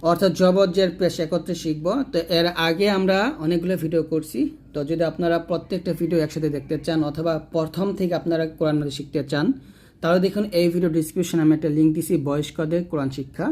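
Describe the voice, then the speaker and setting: A man's voice: a little high, a little fast. Man drilling syllables in a lesson. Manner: spells syllables aloud in steady drilling chant. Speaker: Quran reading teacher. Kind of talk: slow spelled-out recitation lesson.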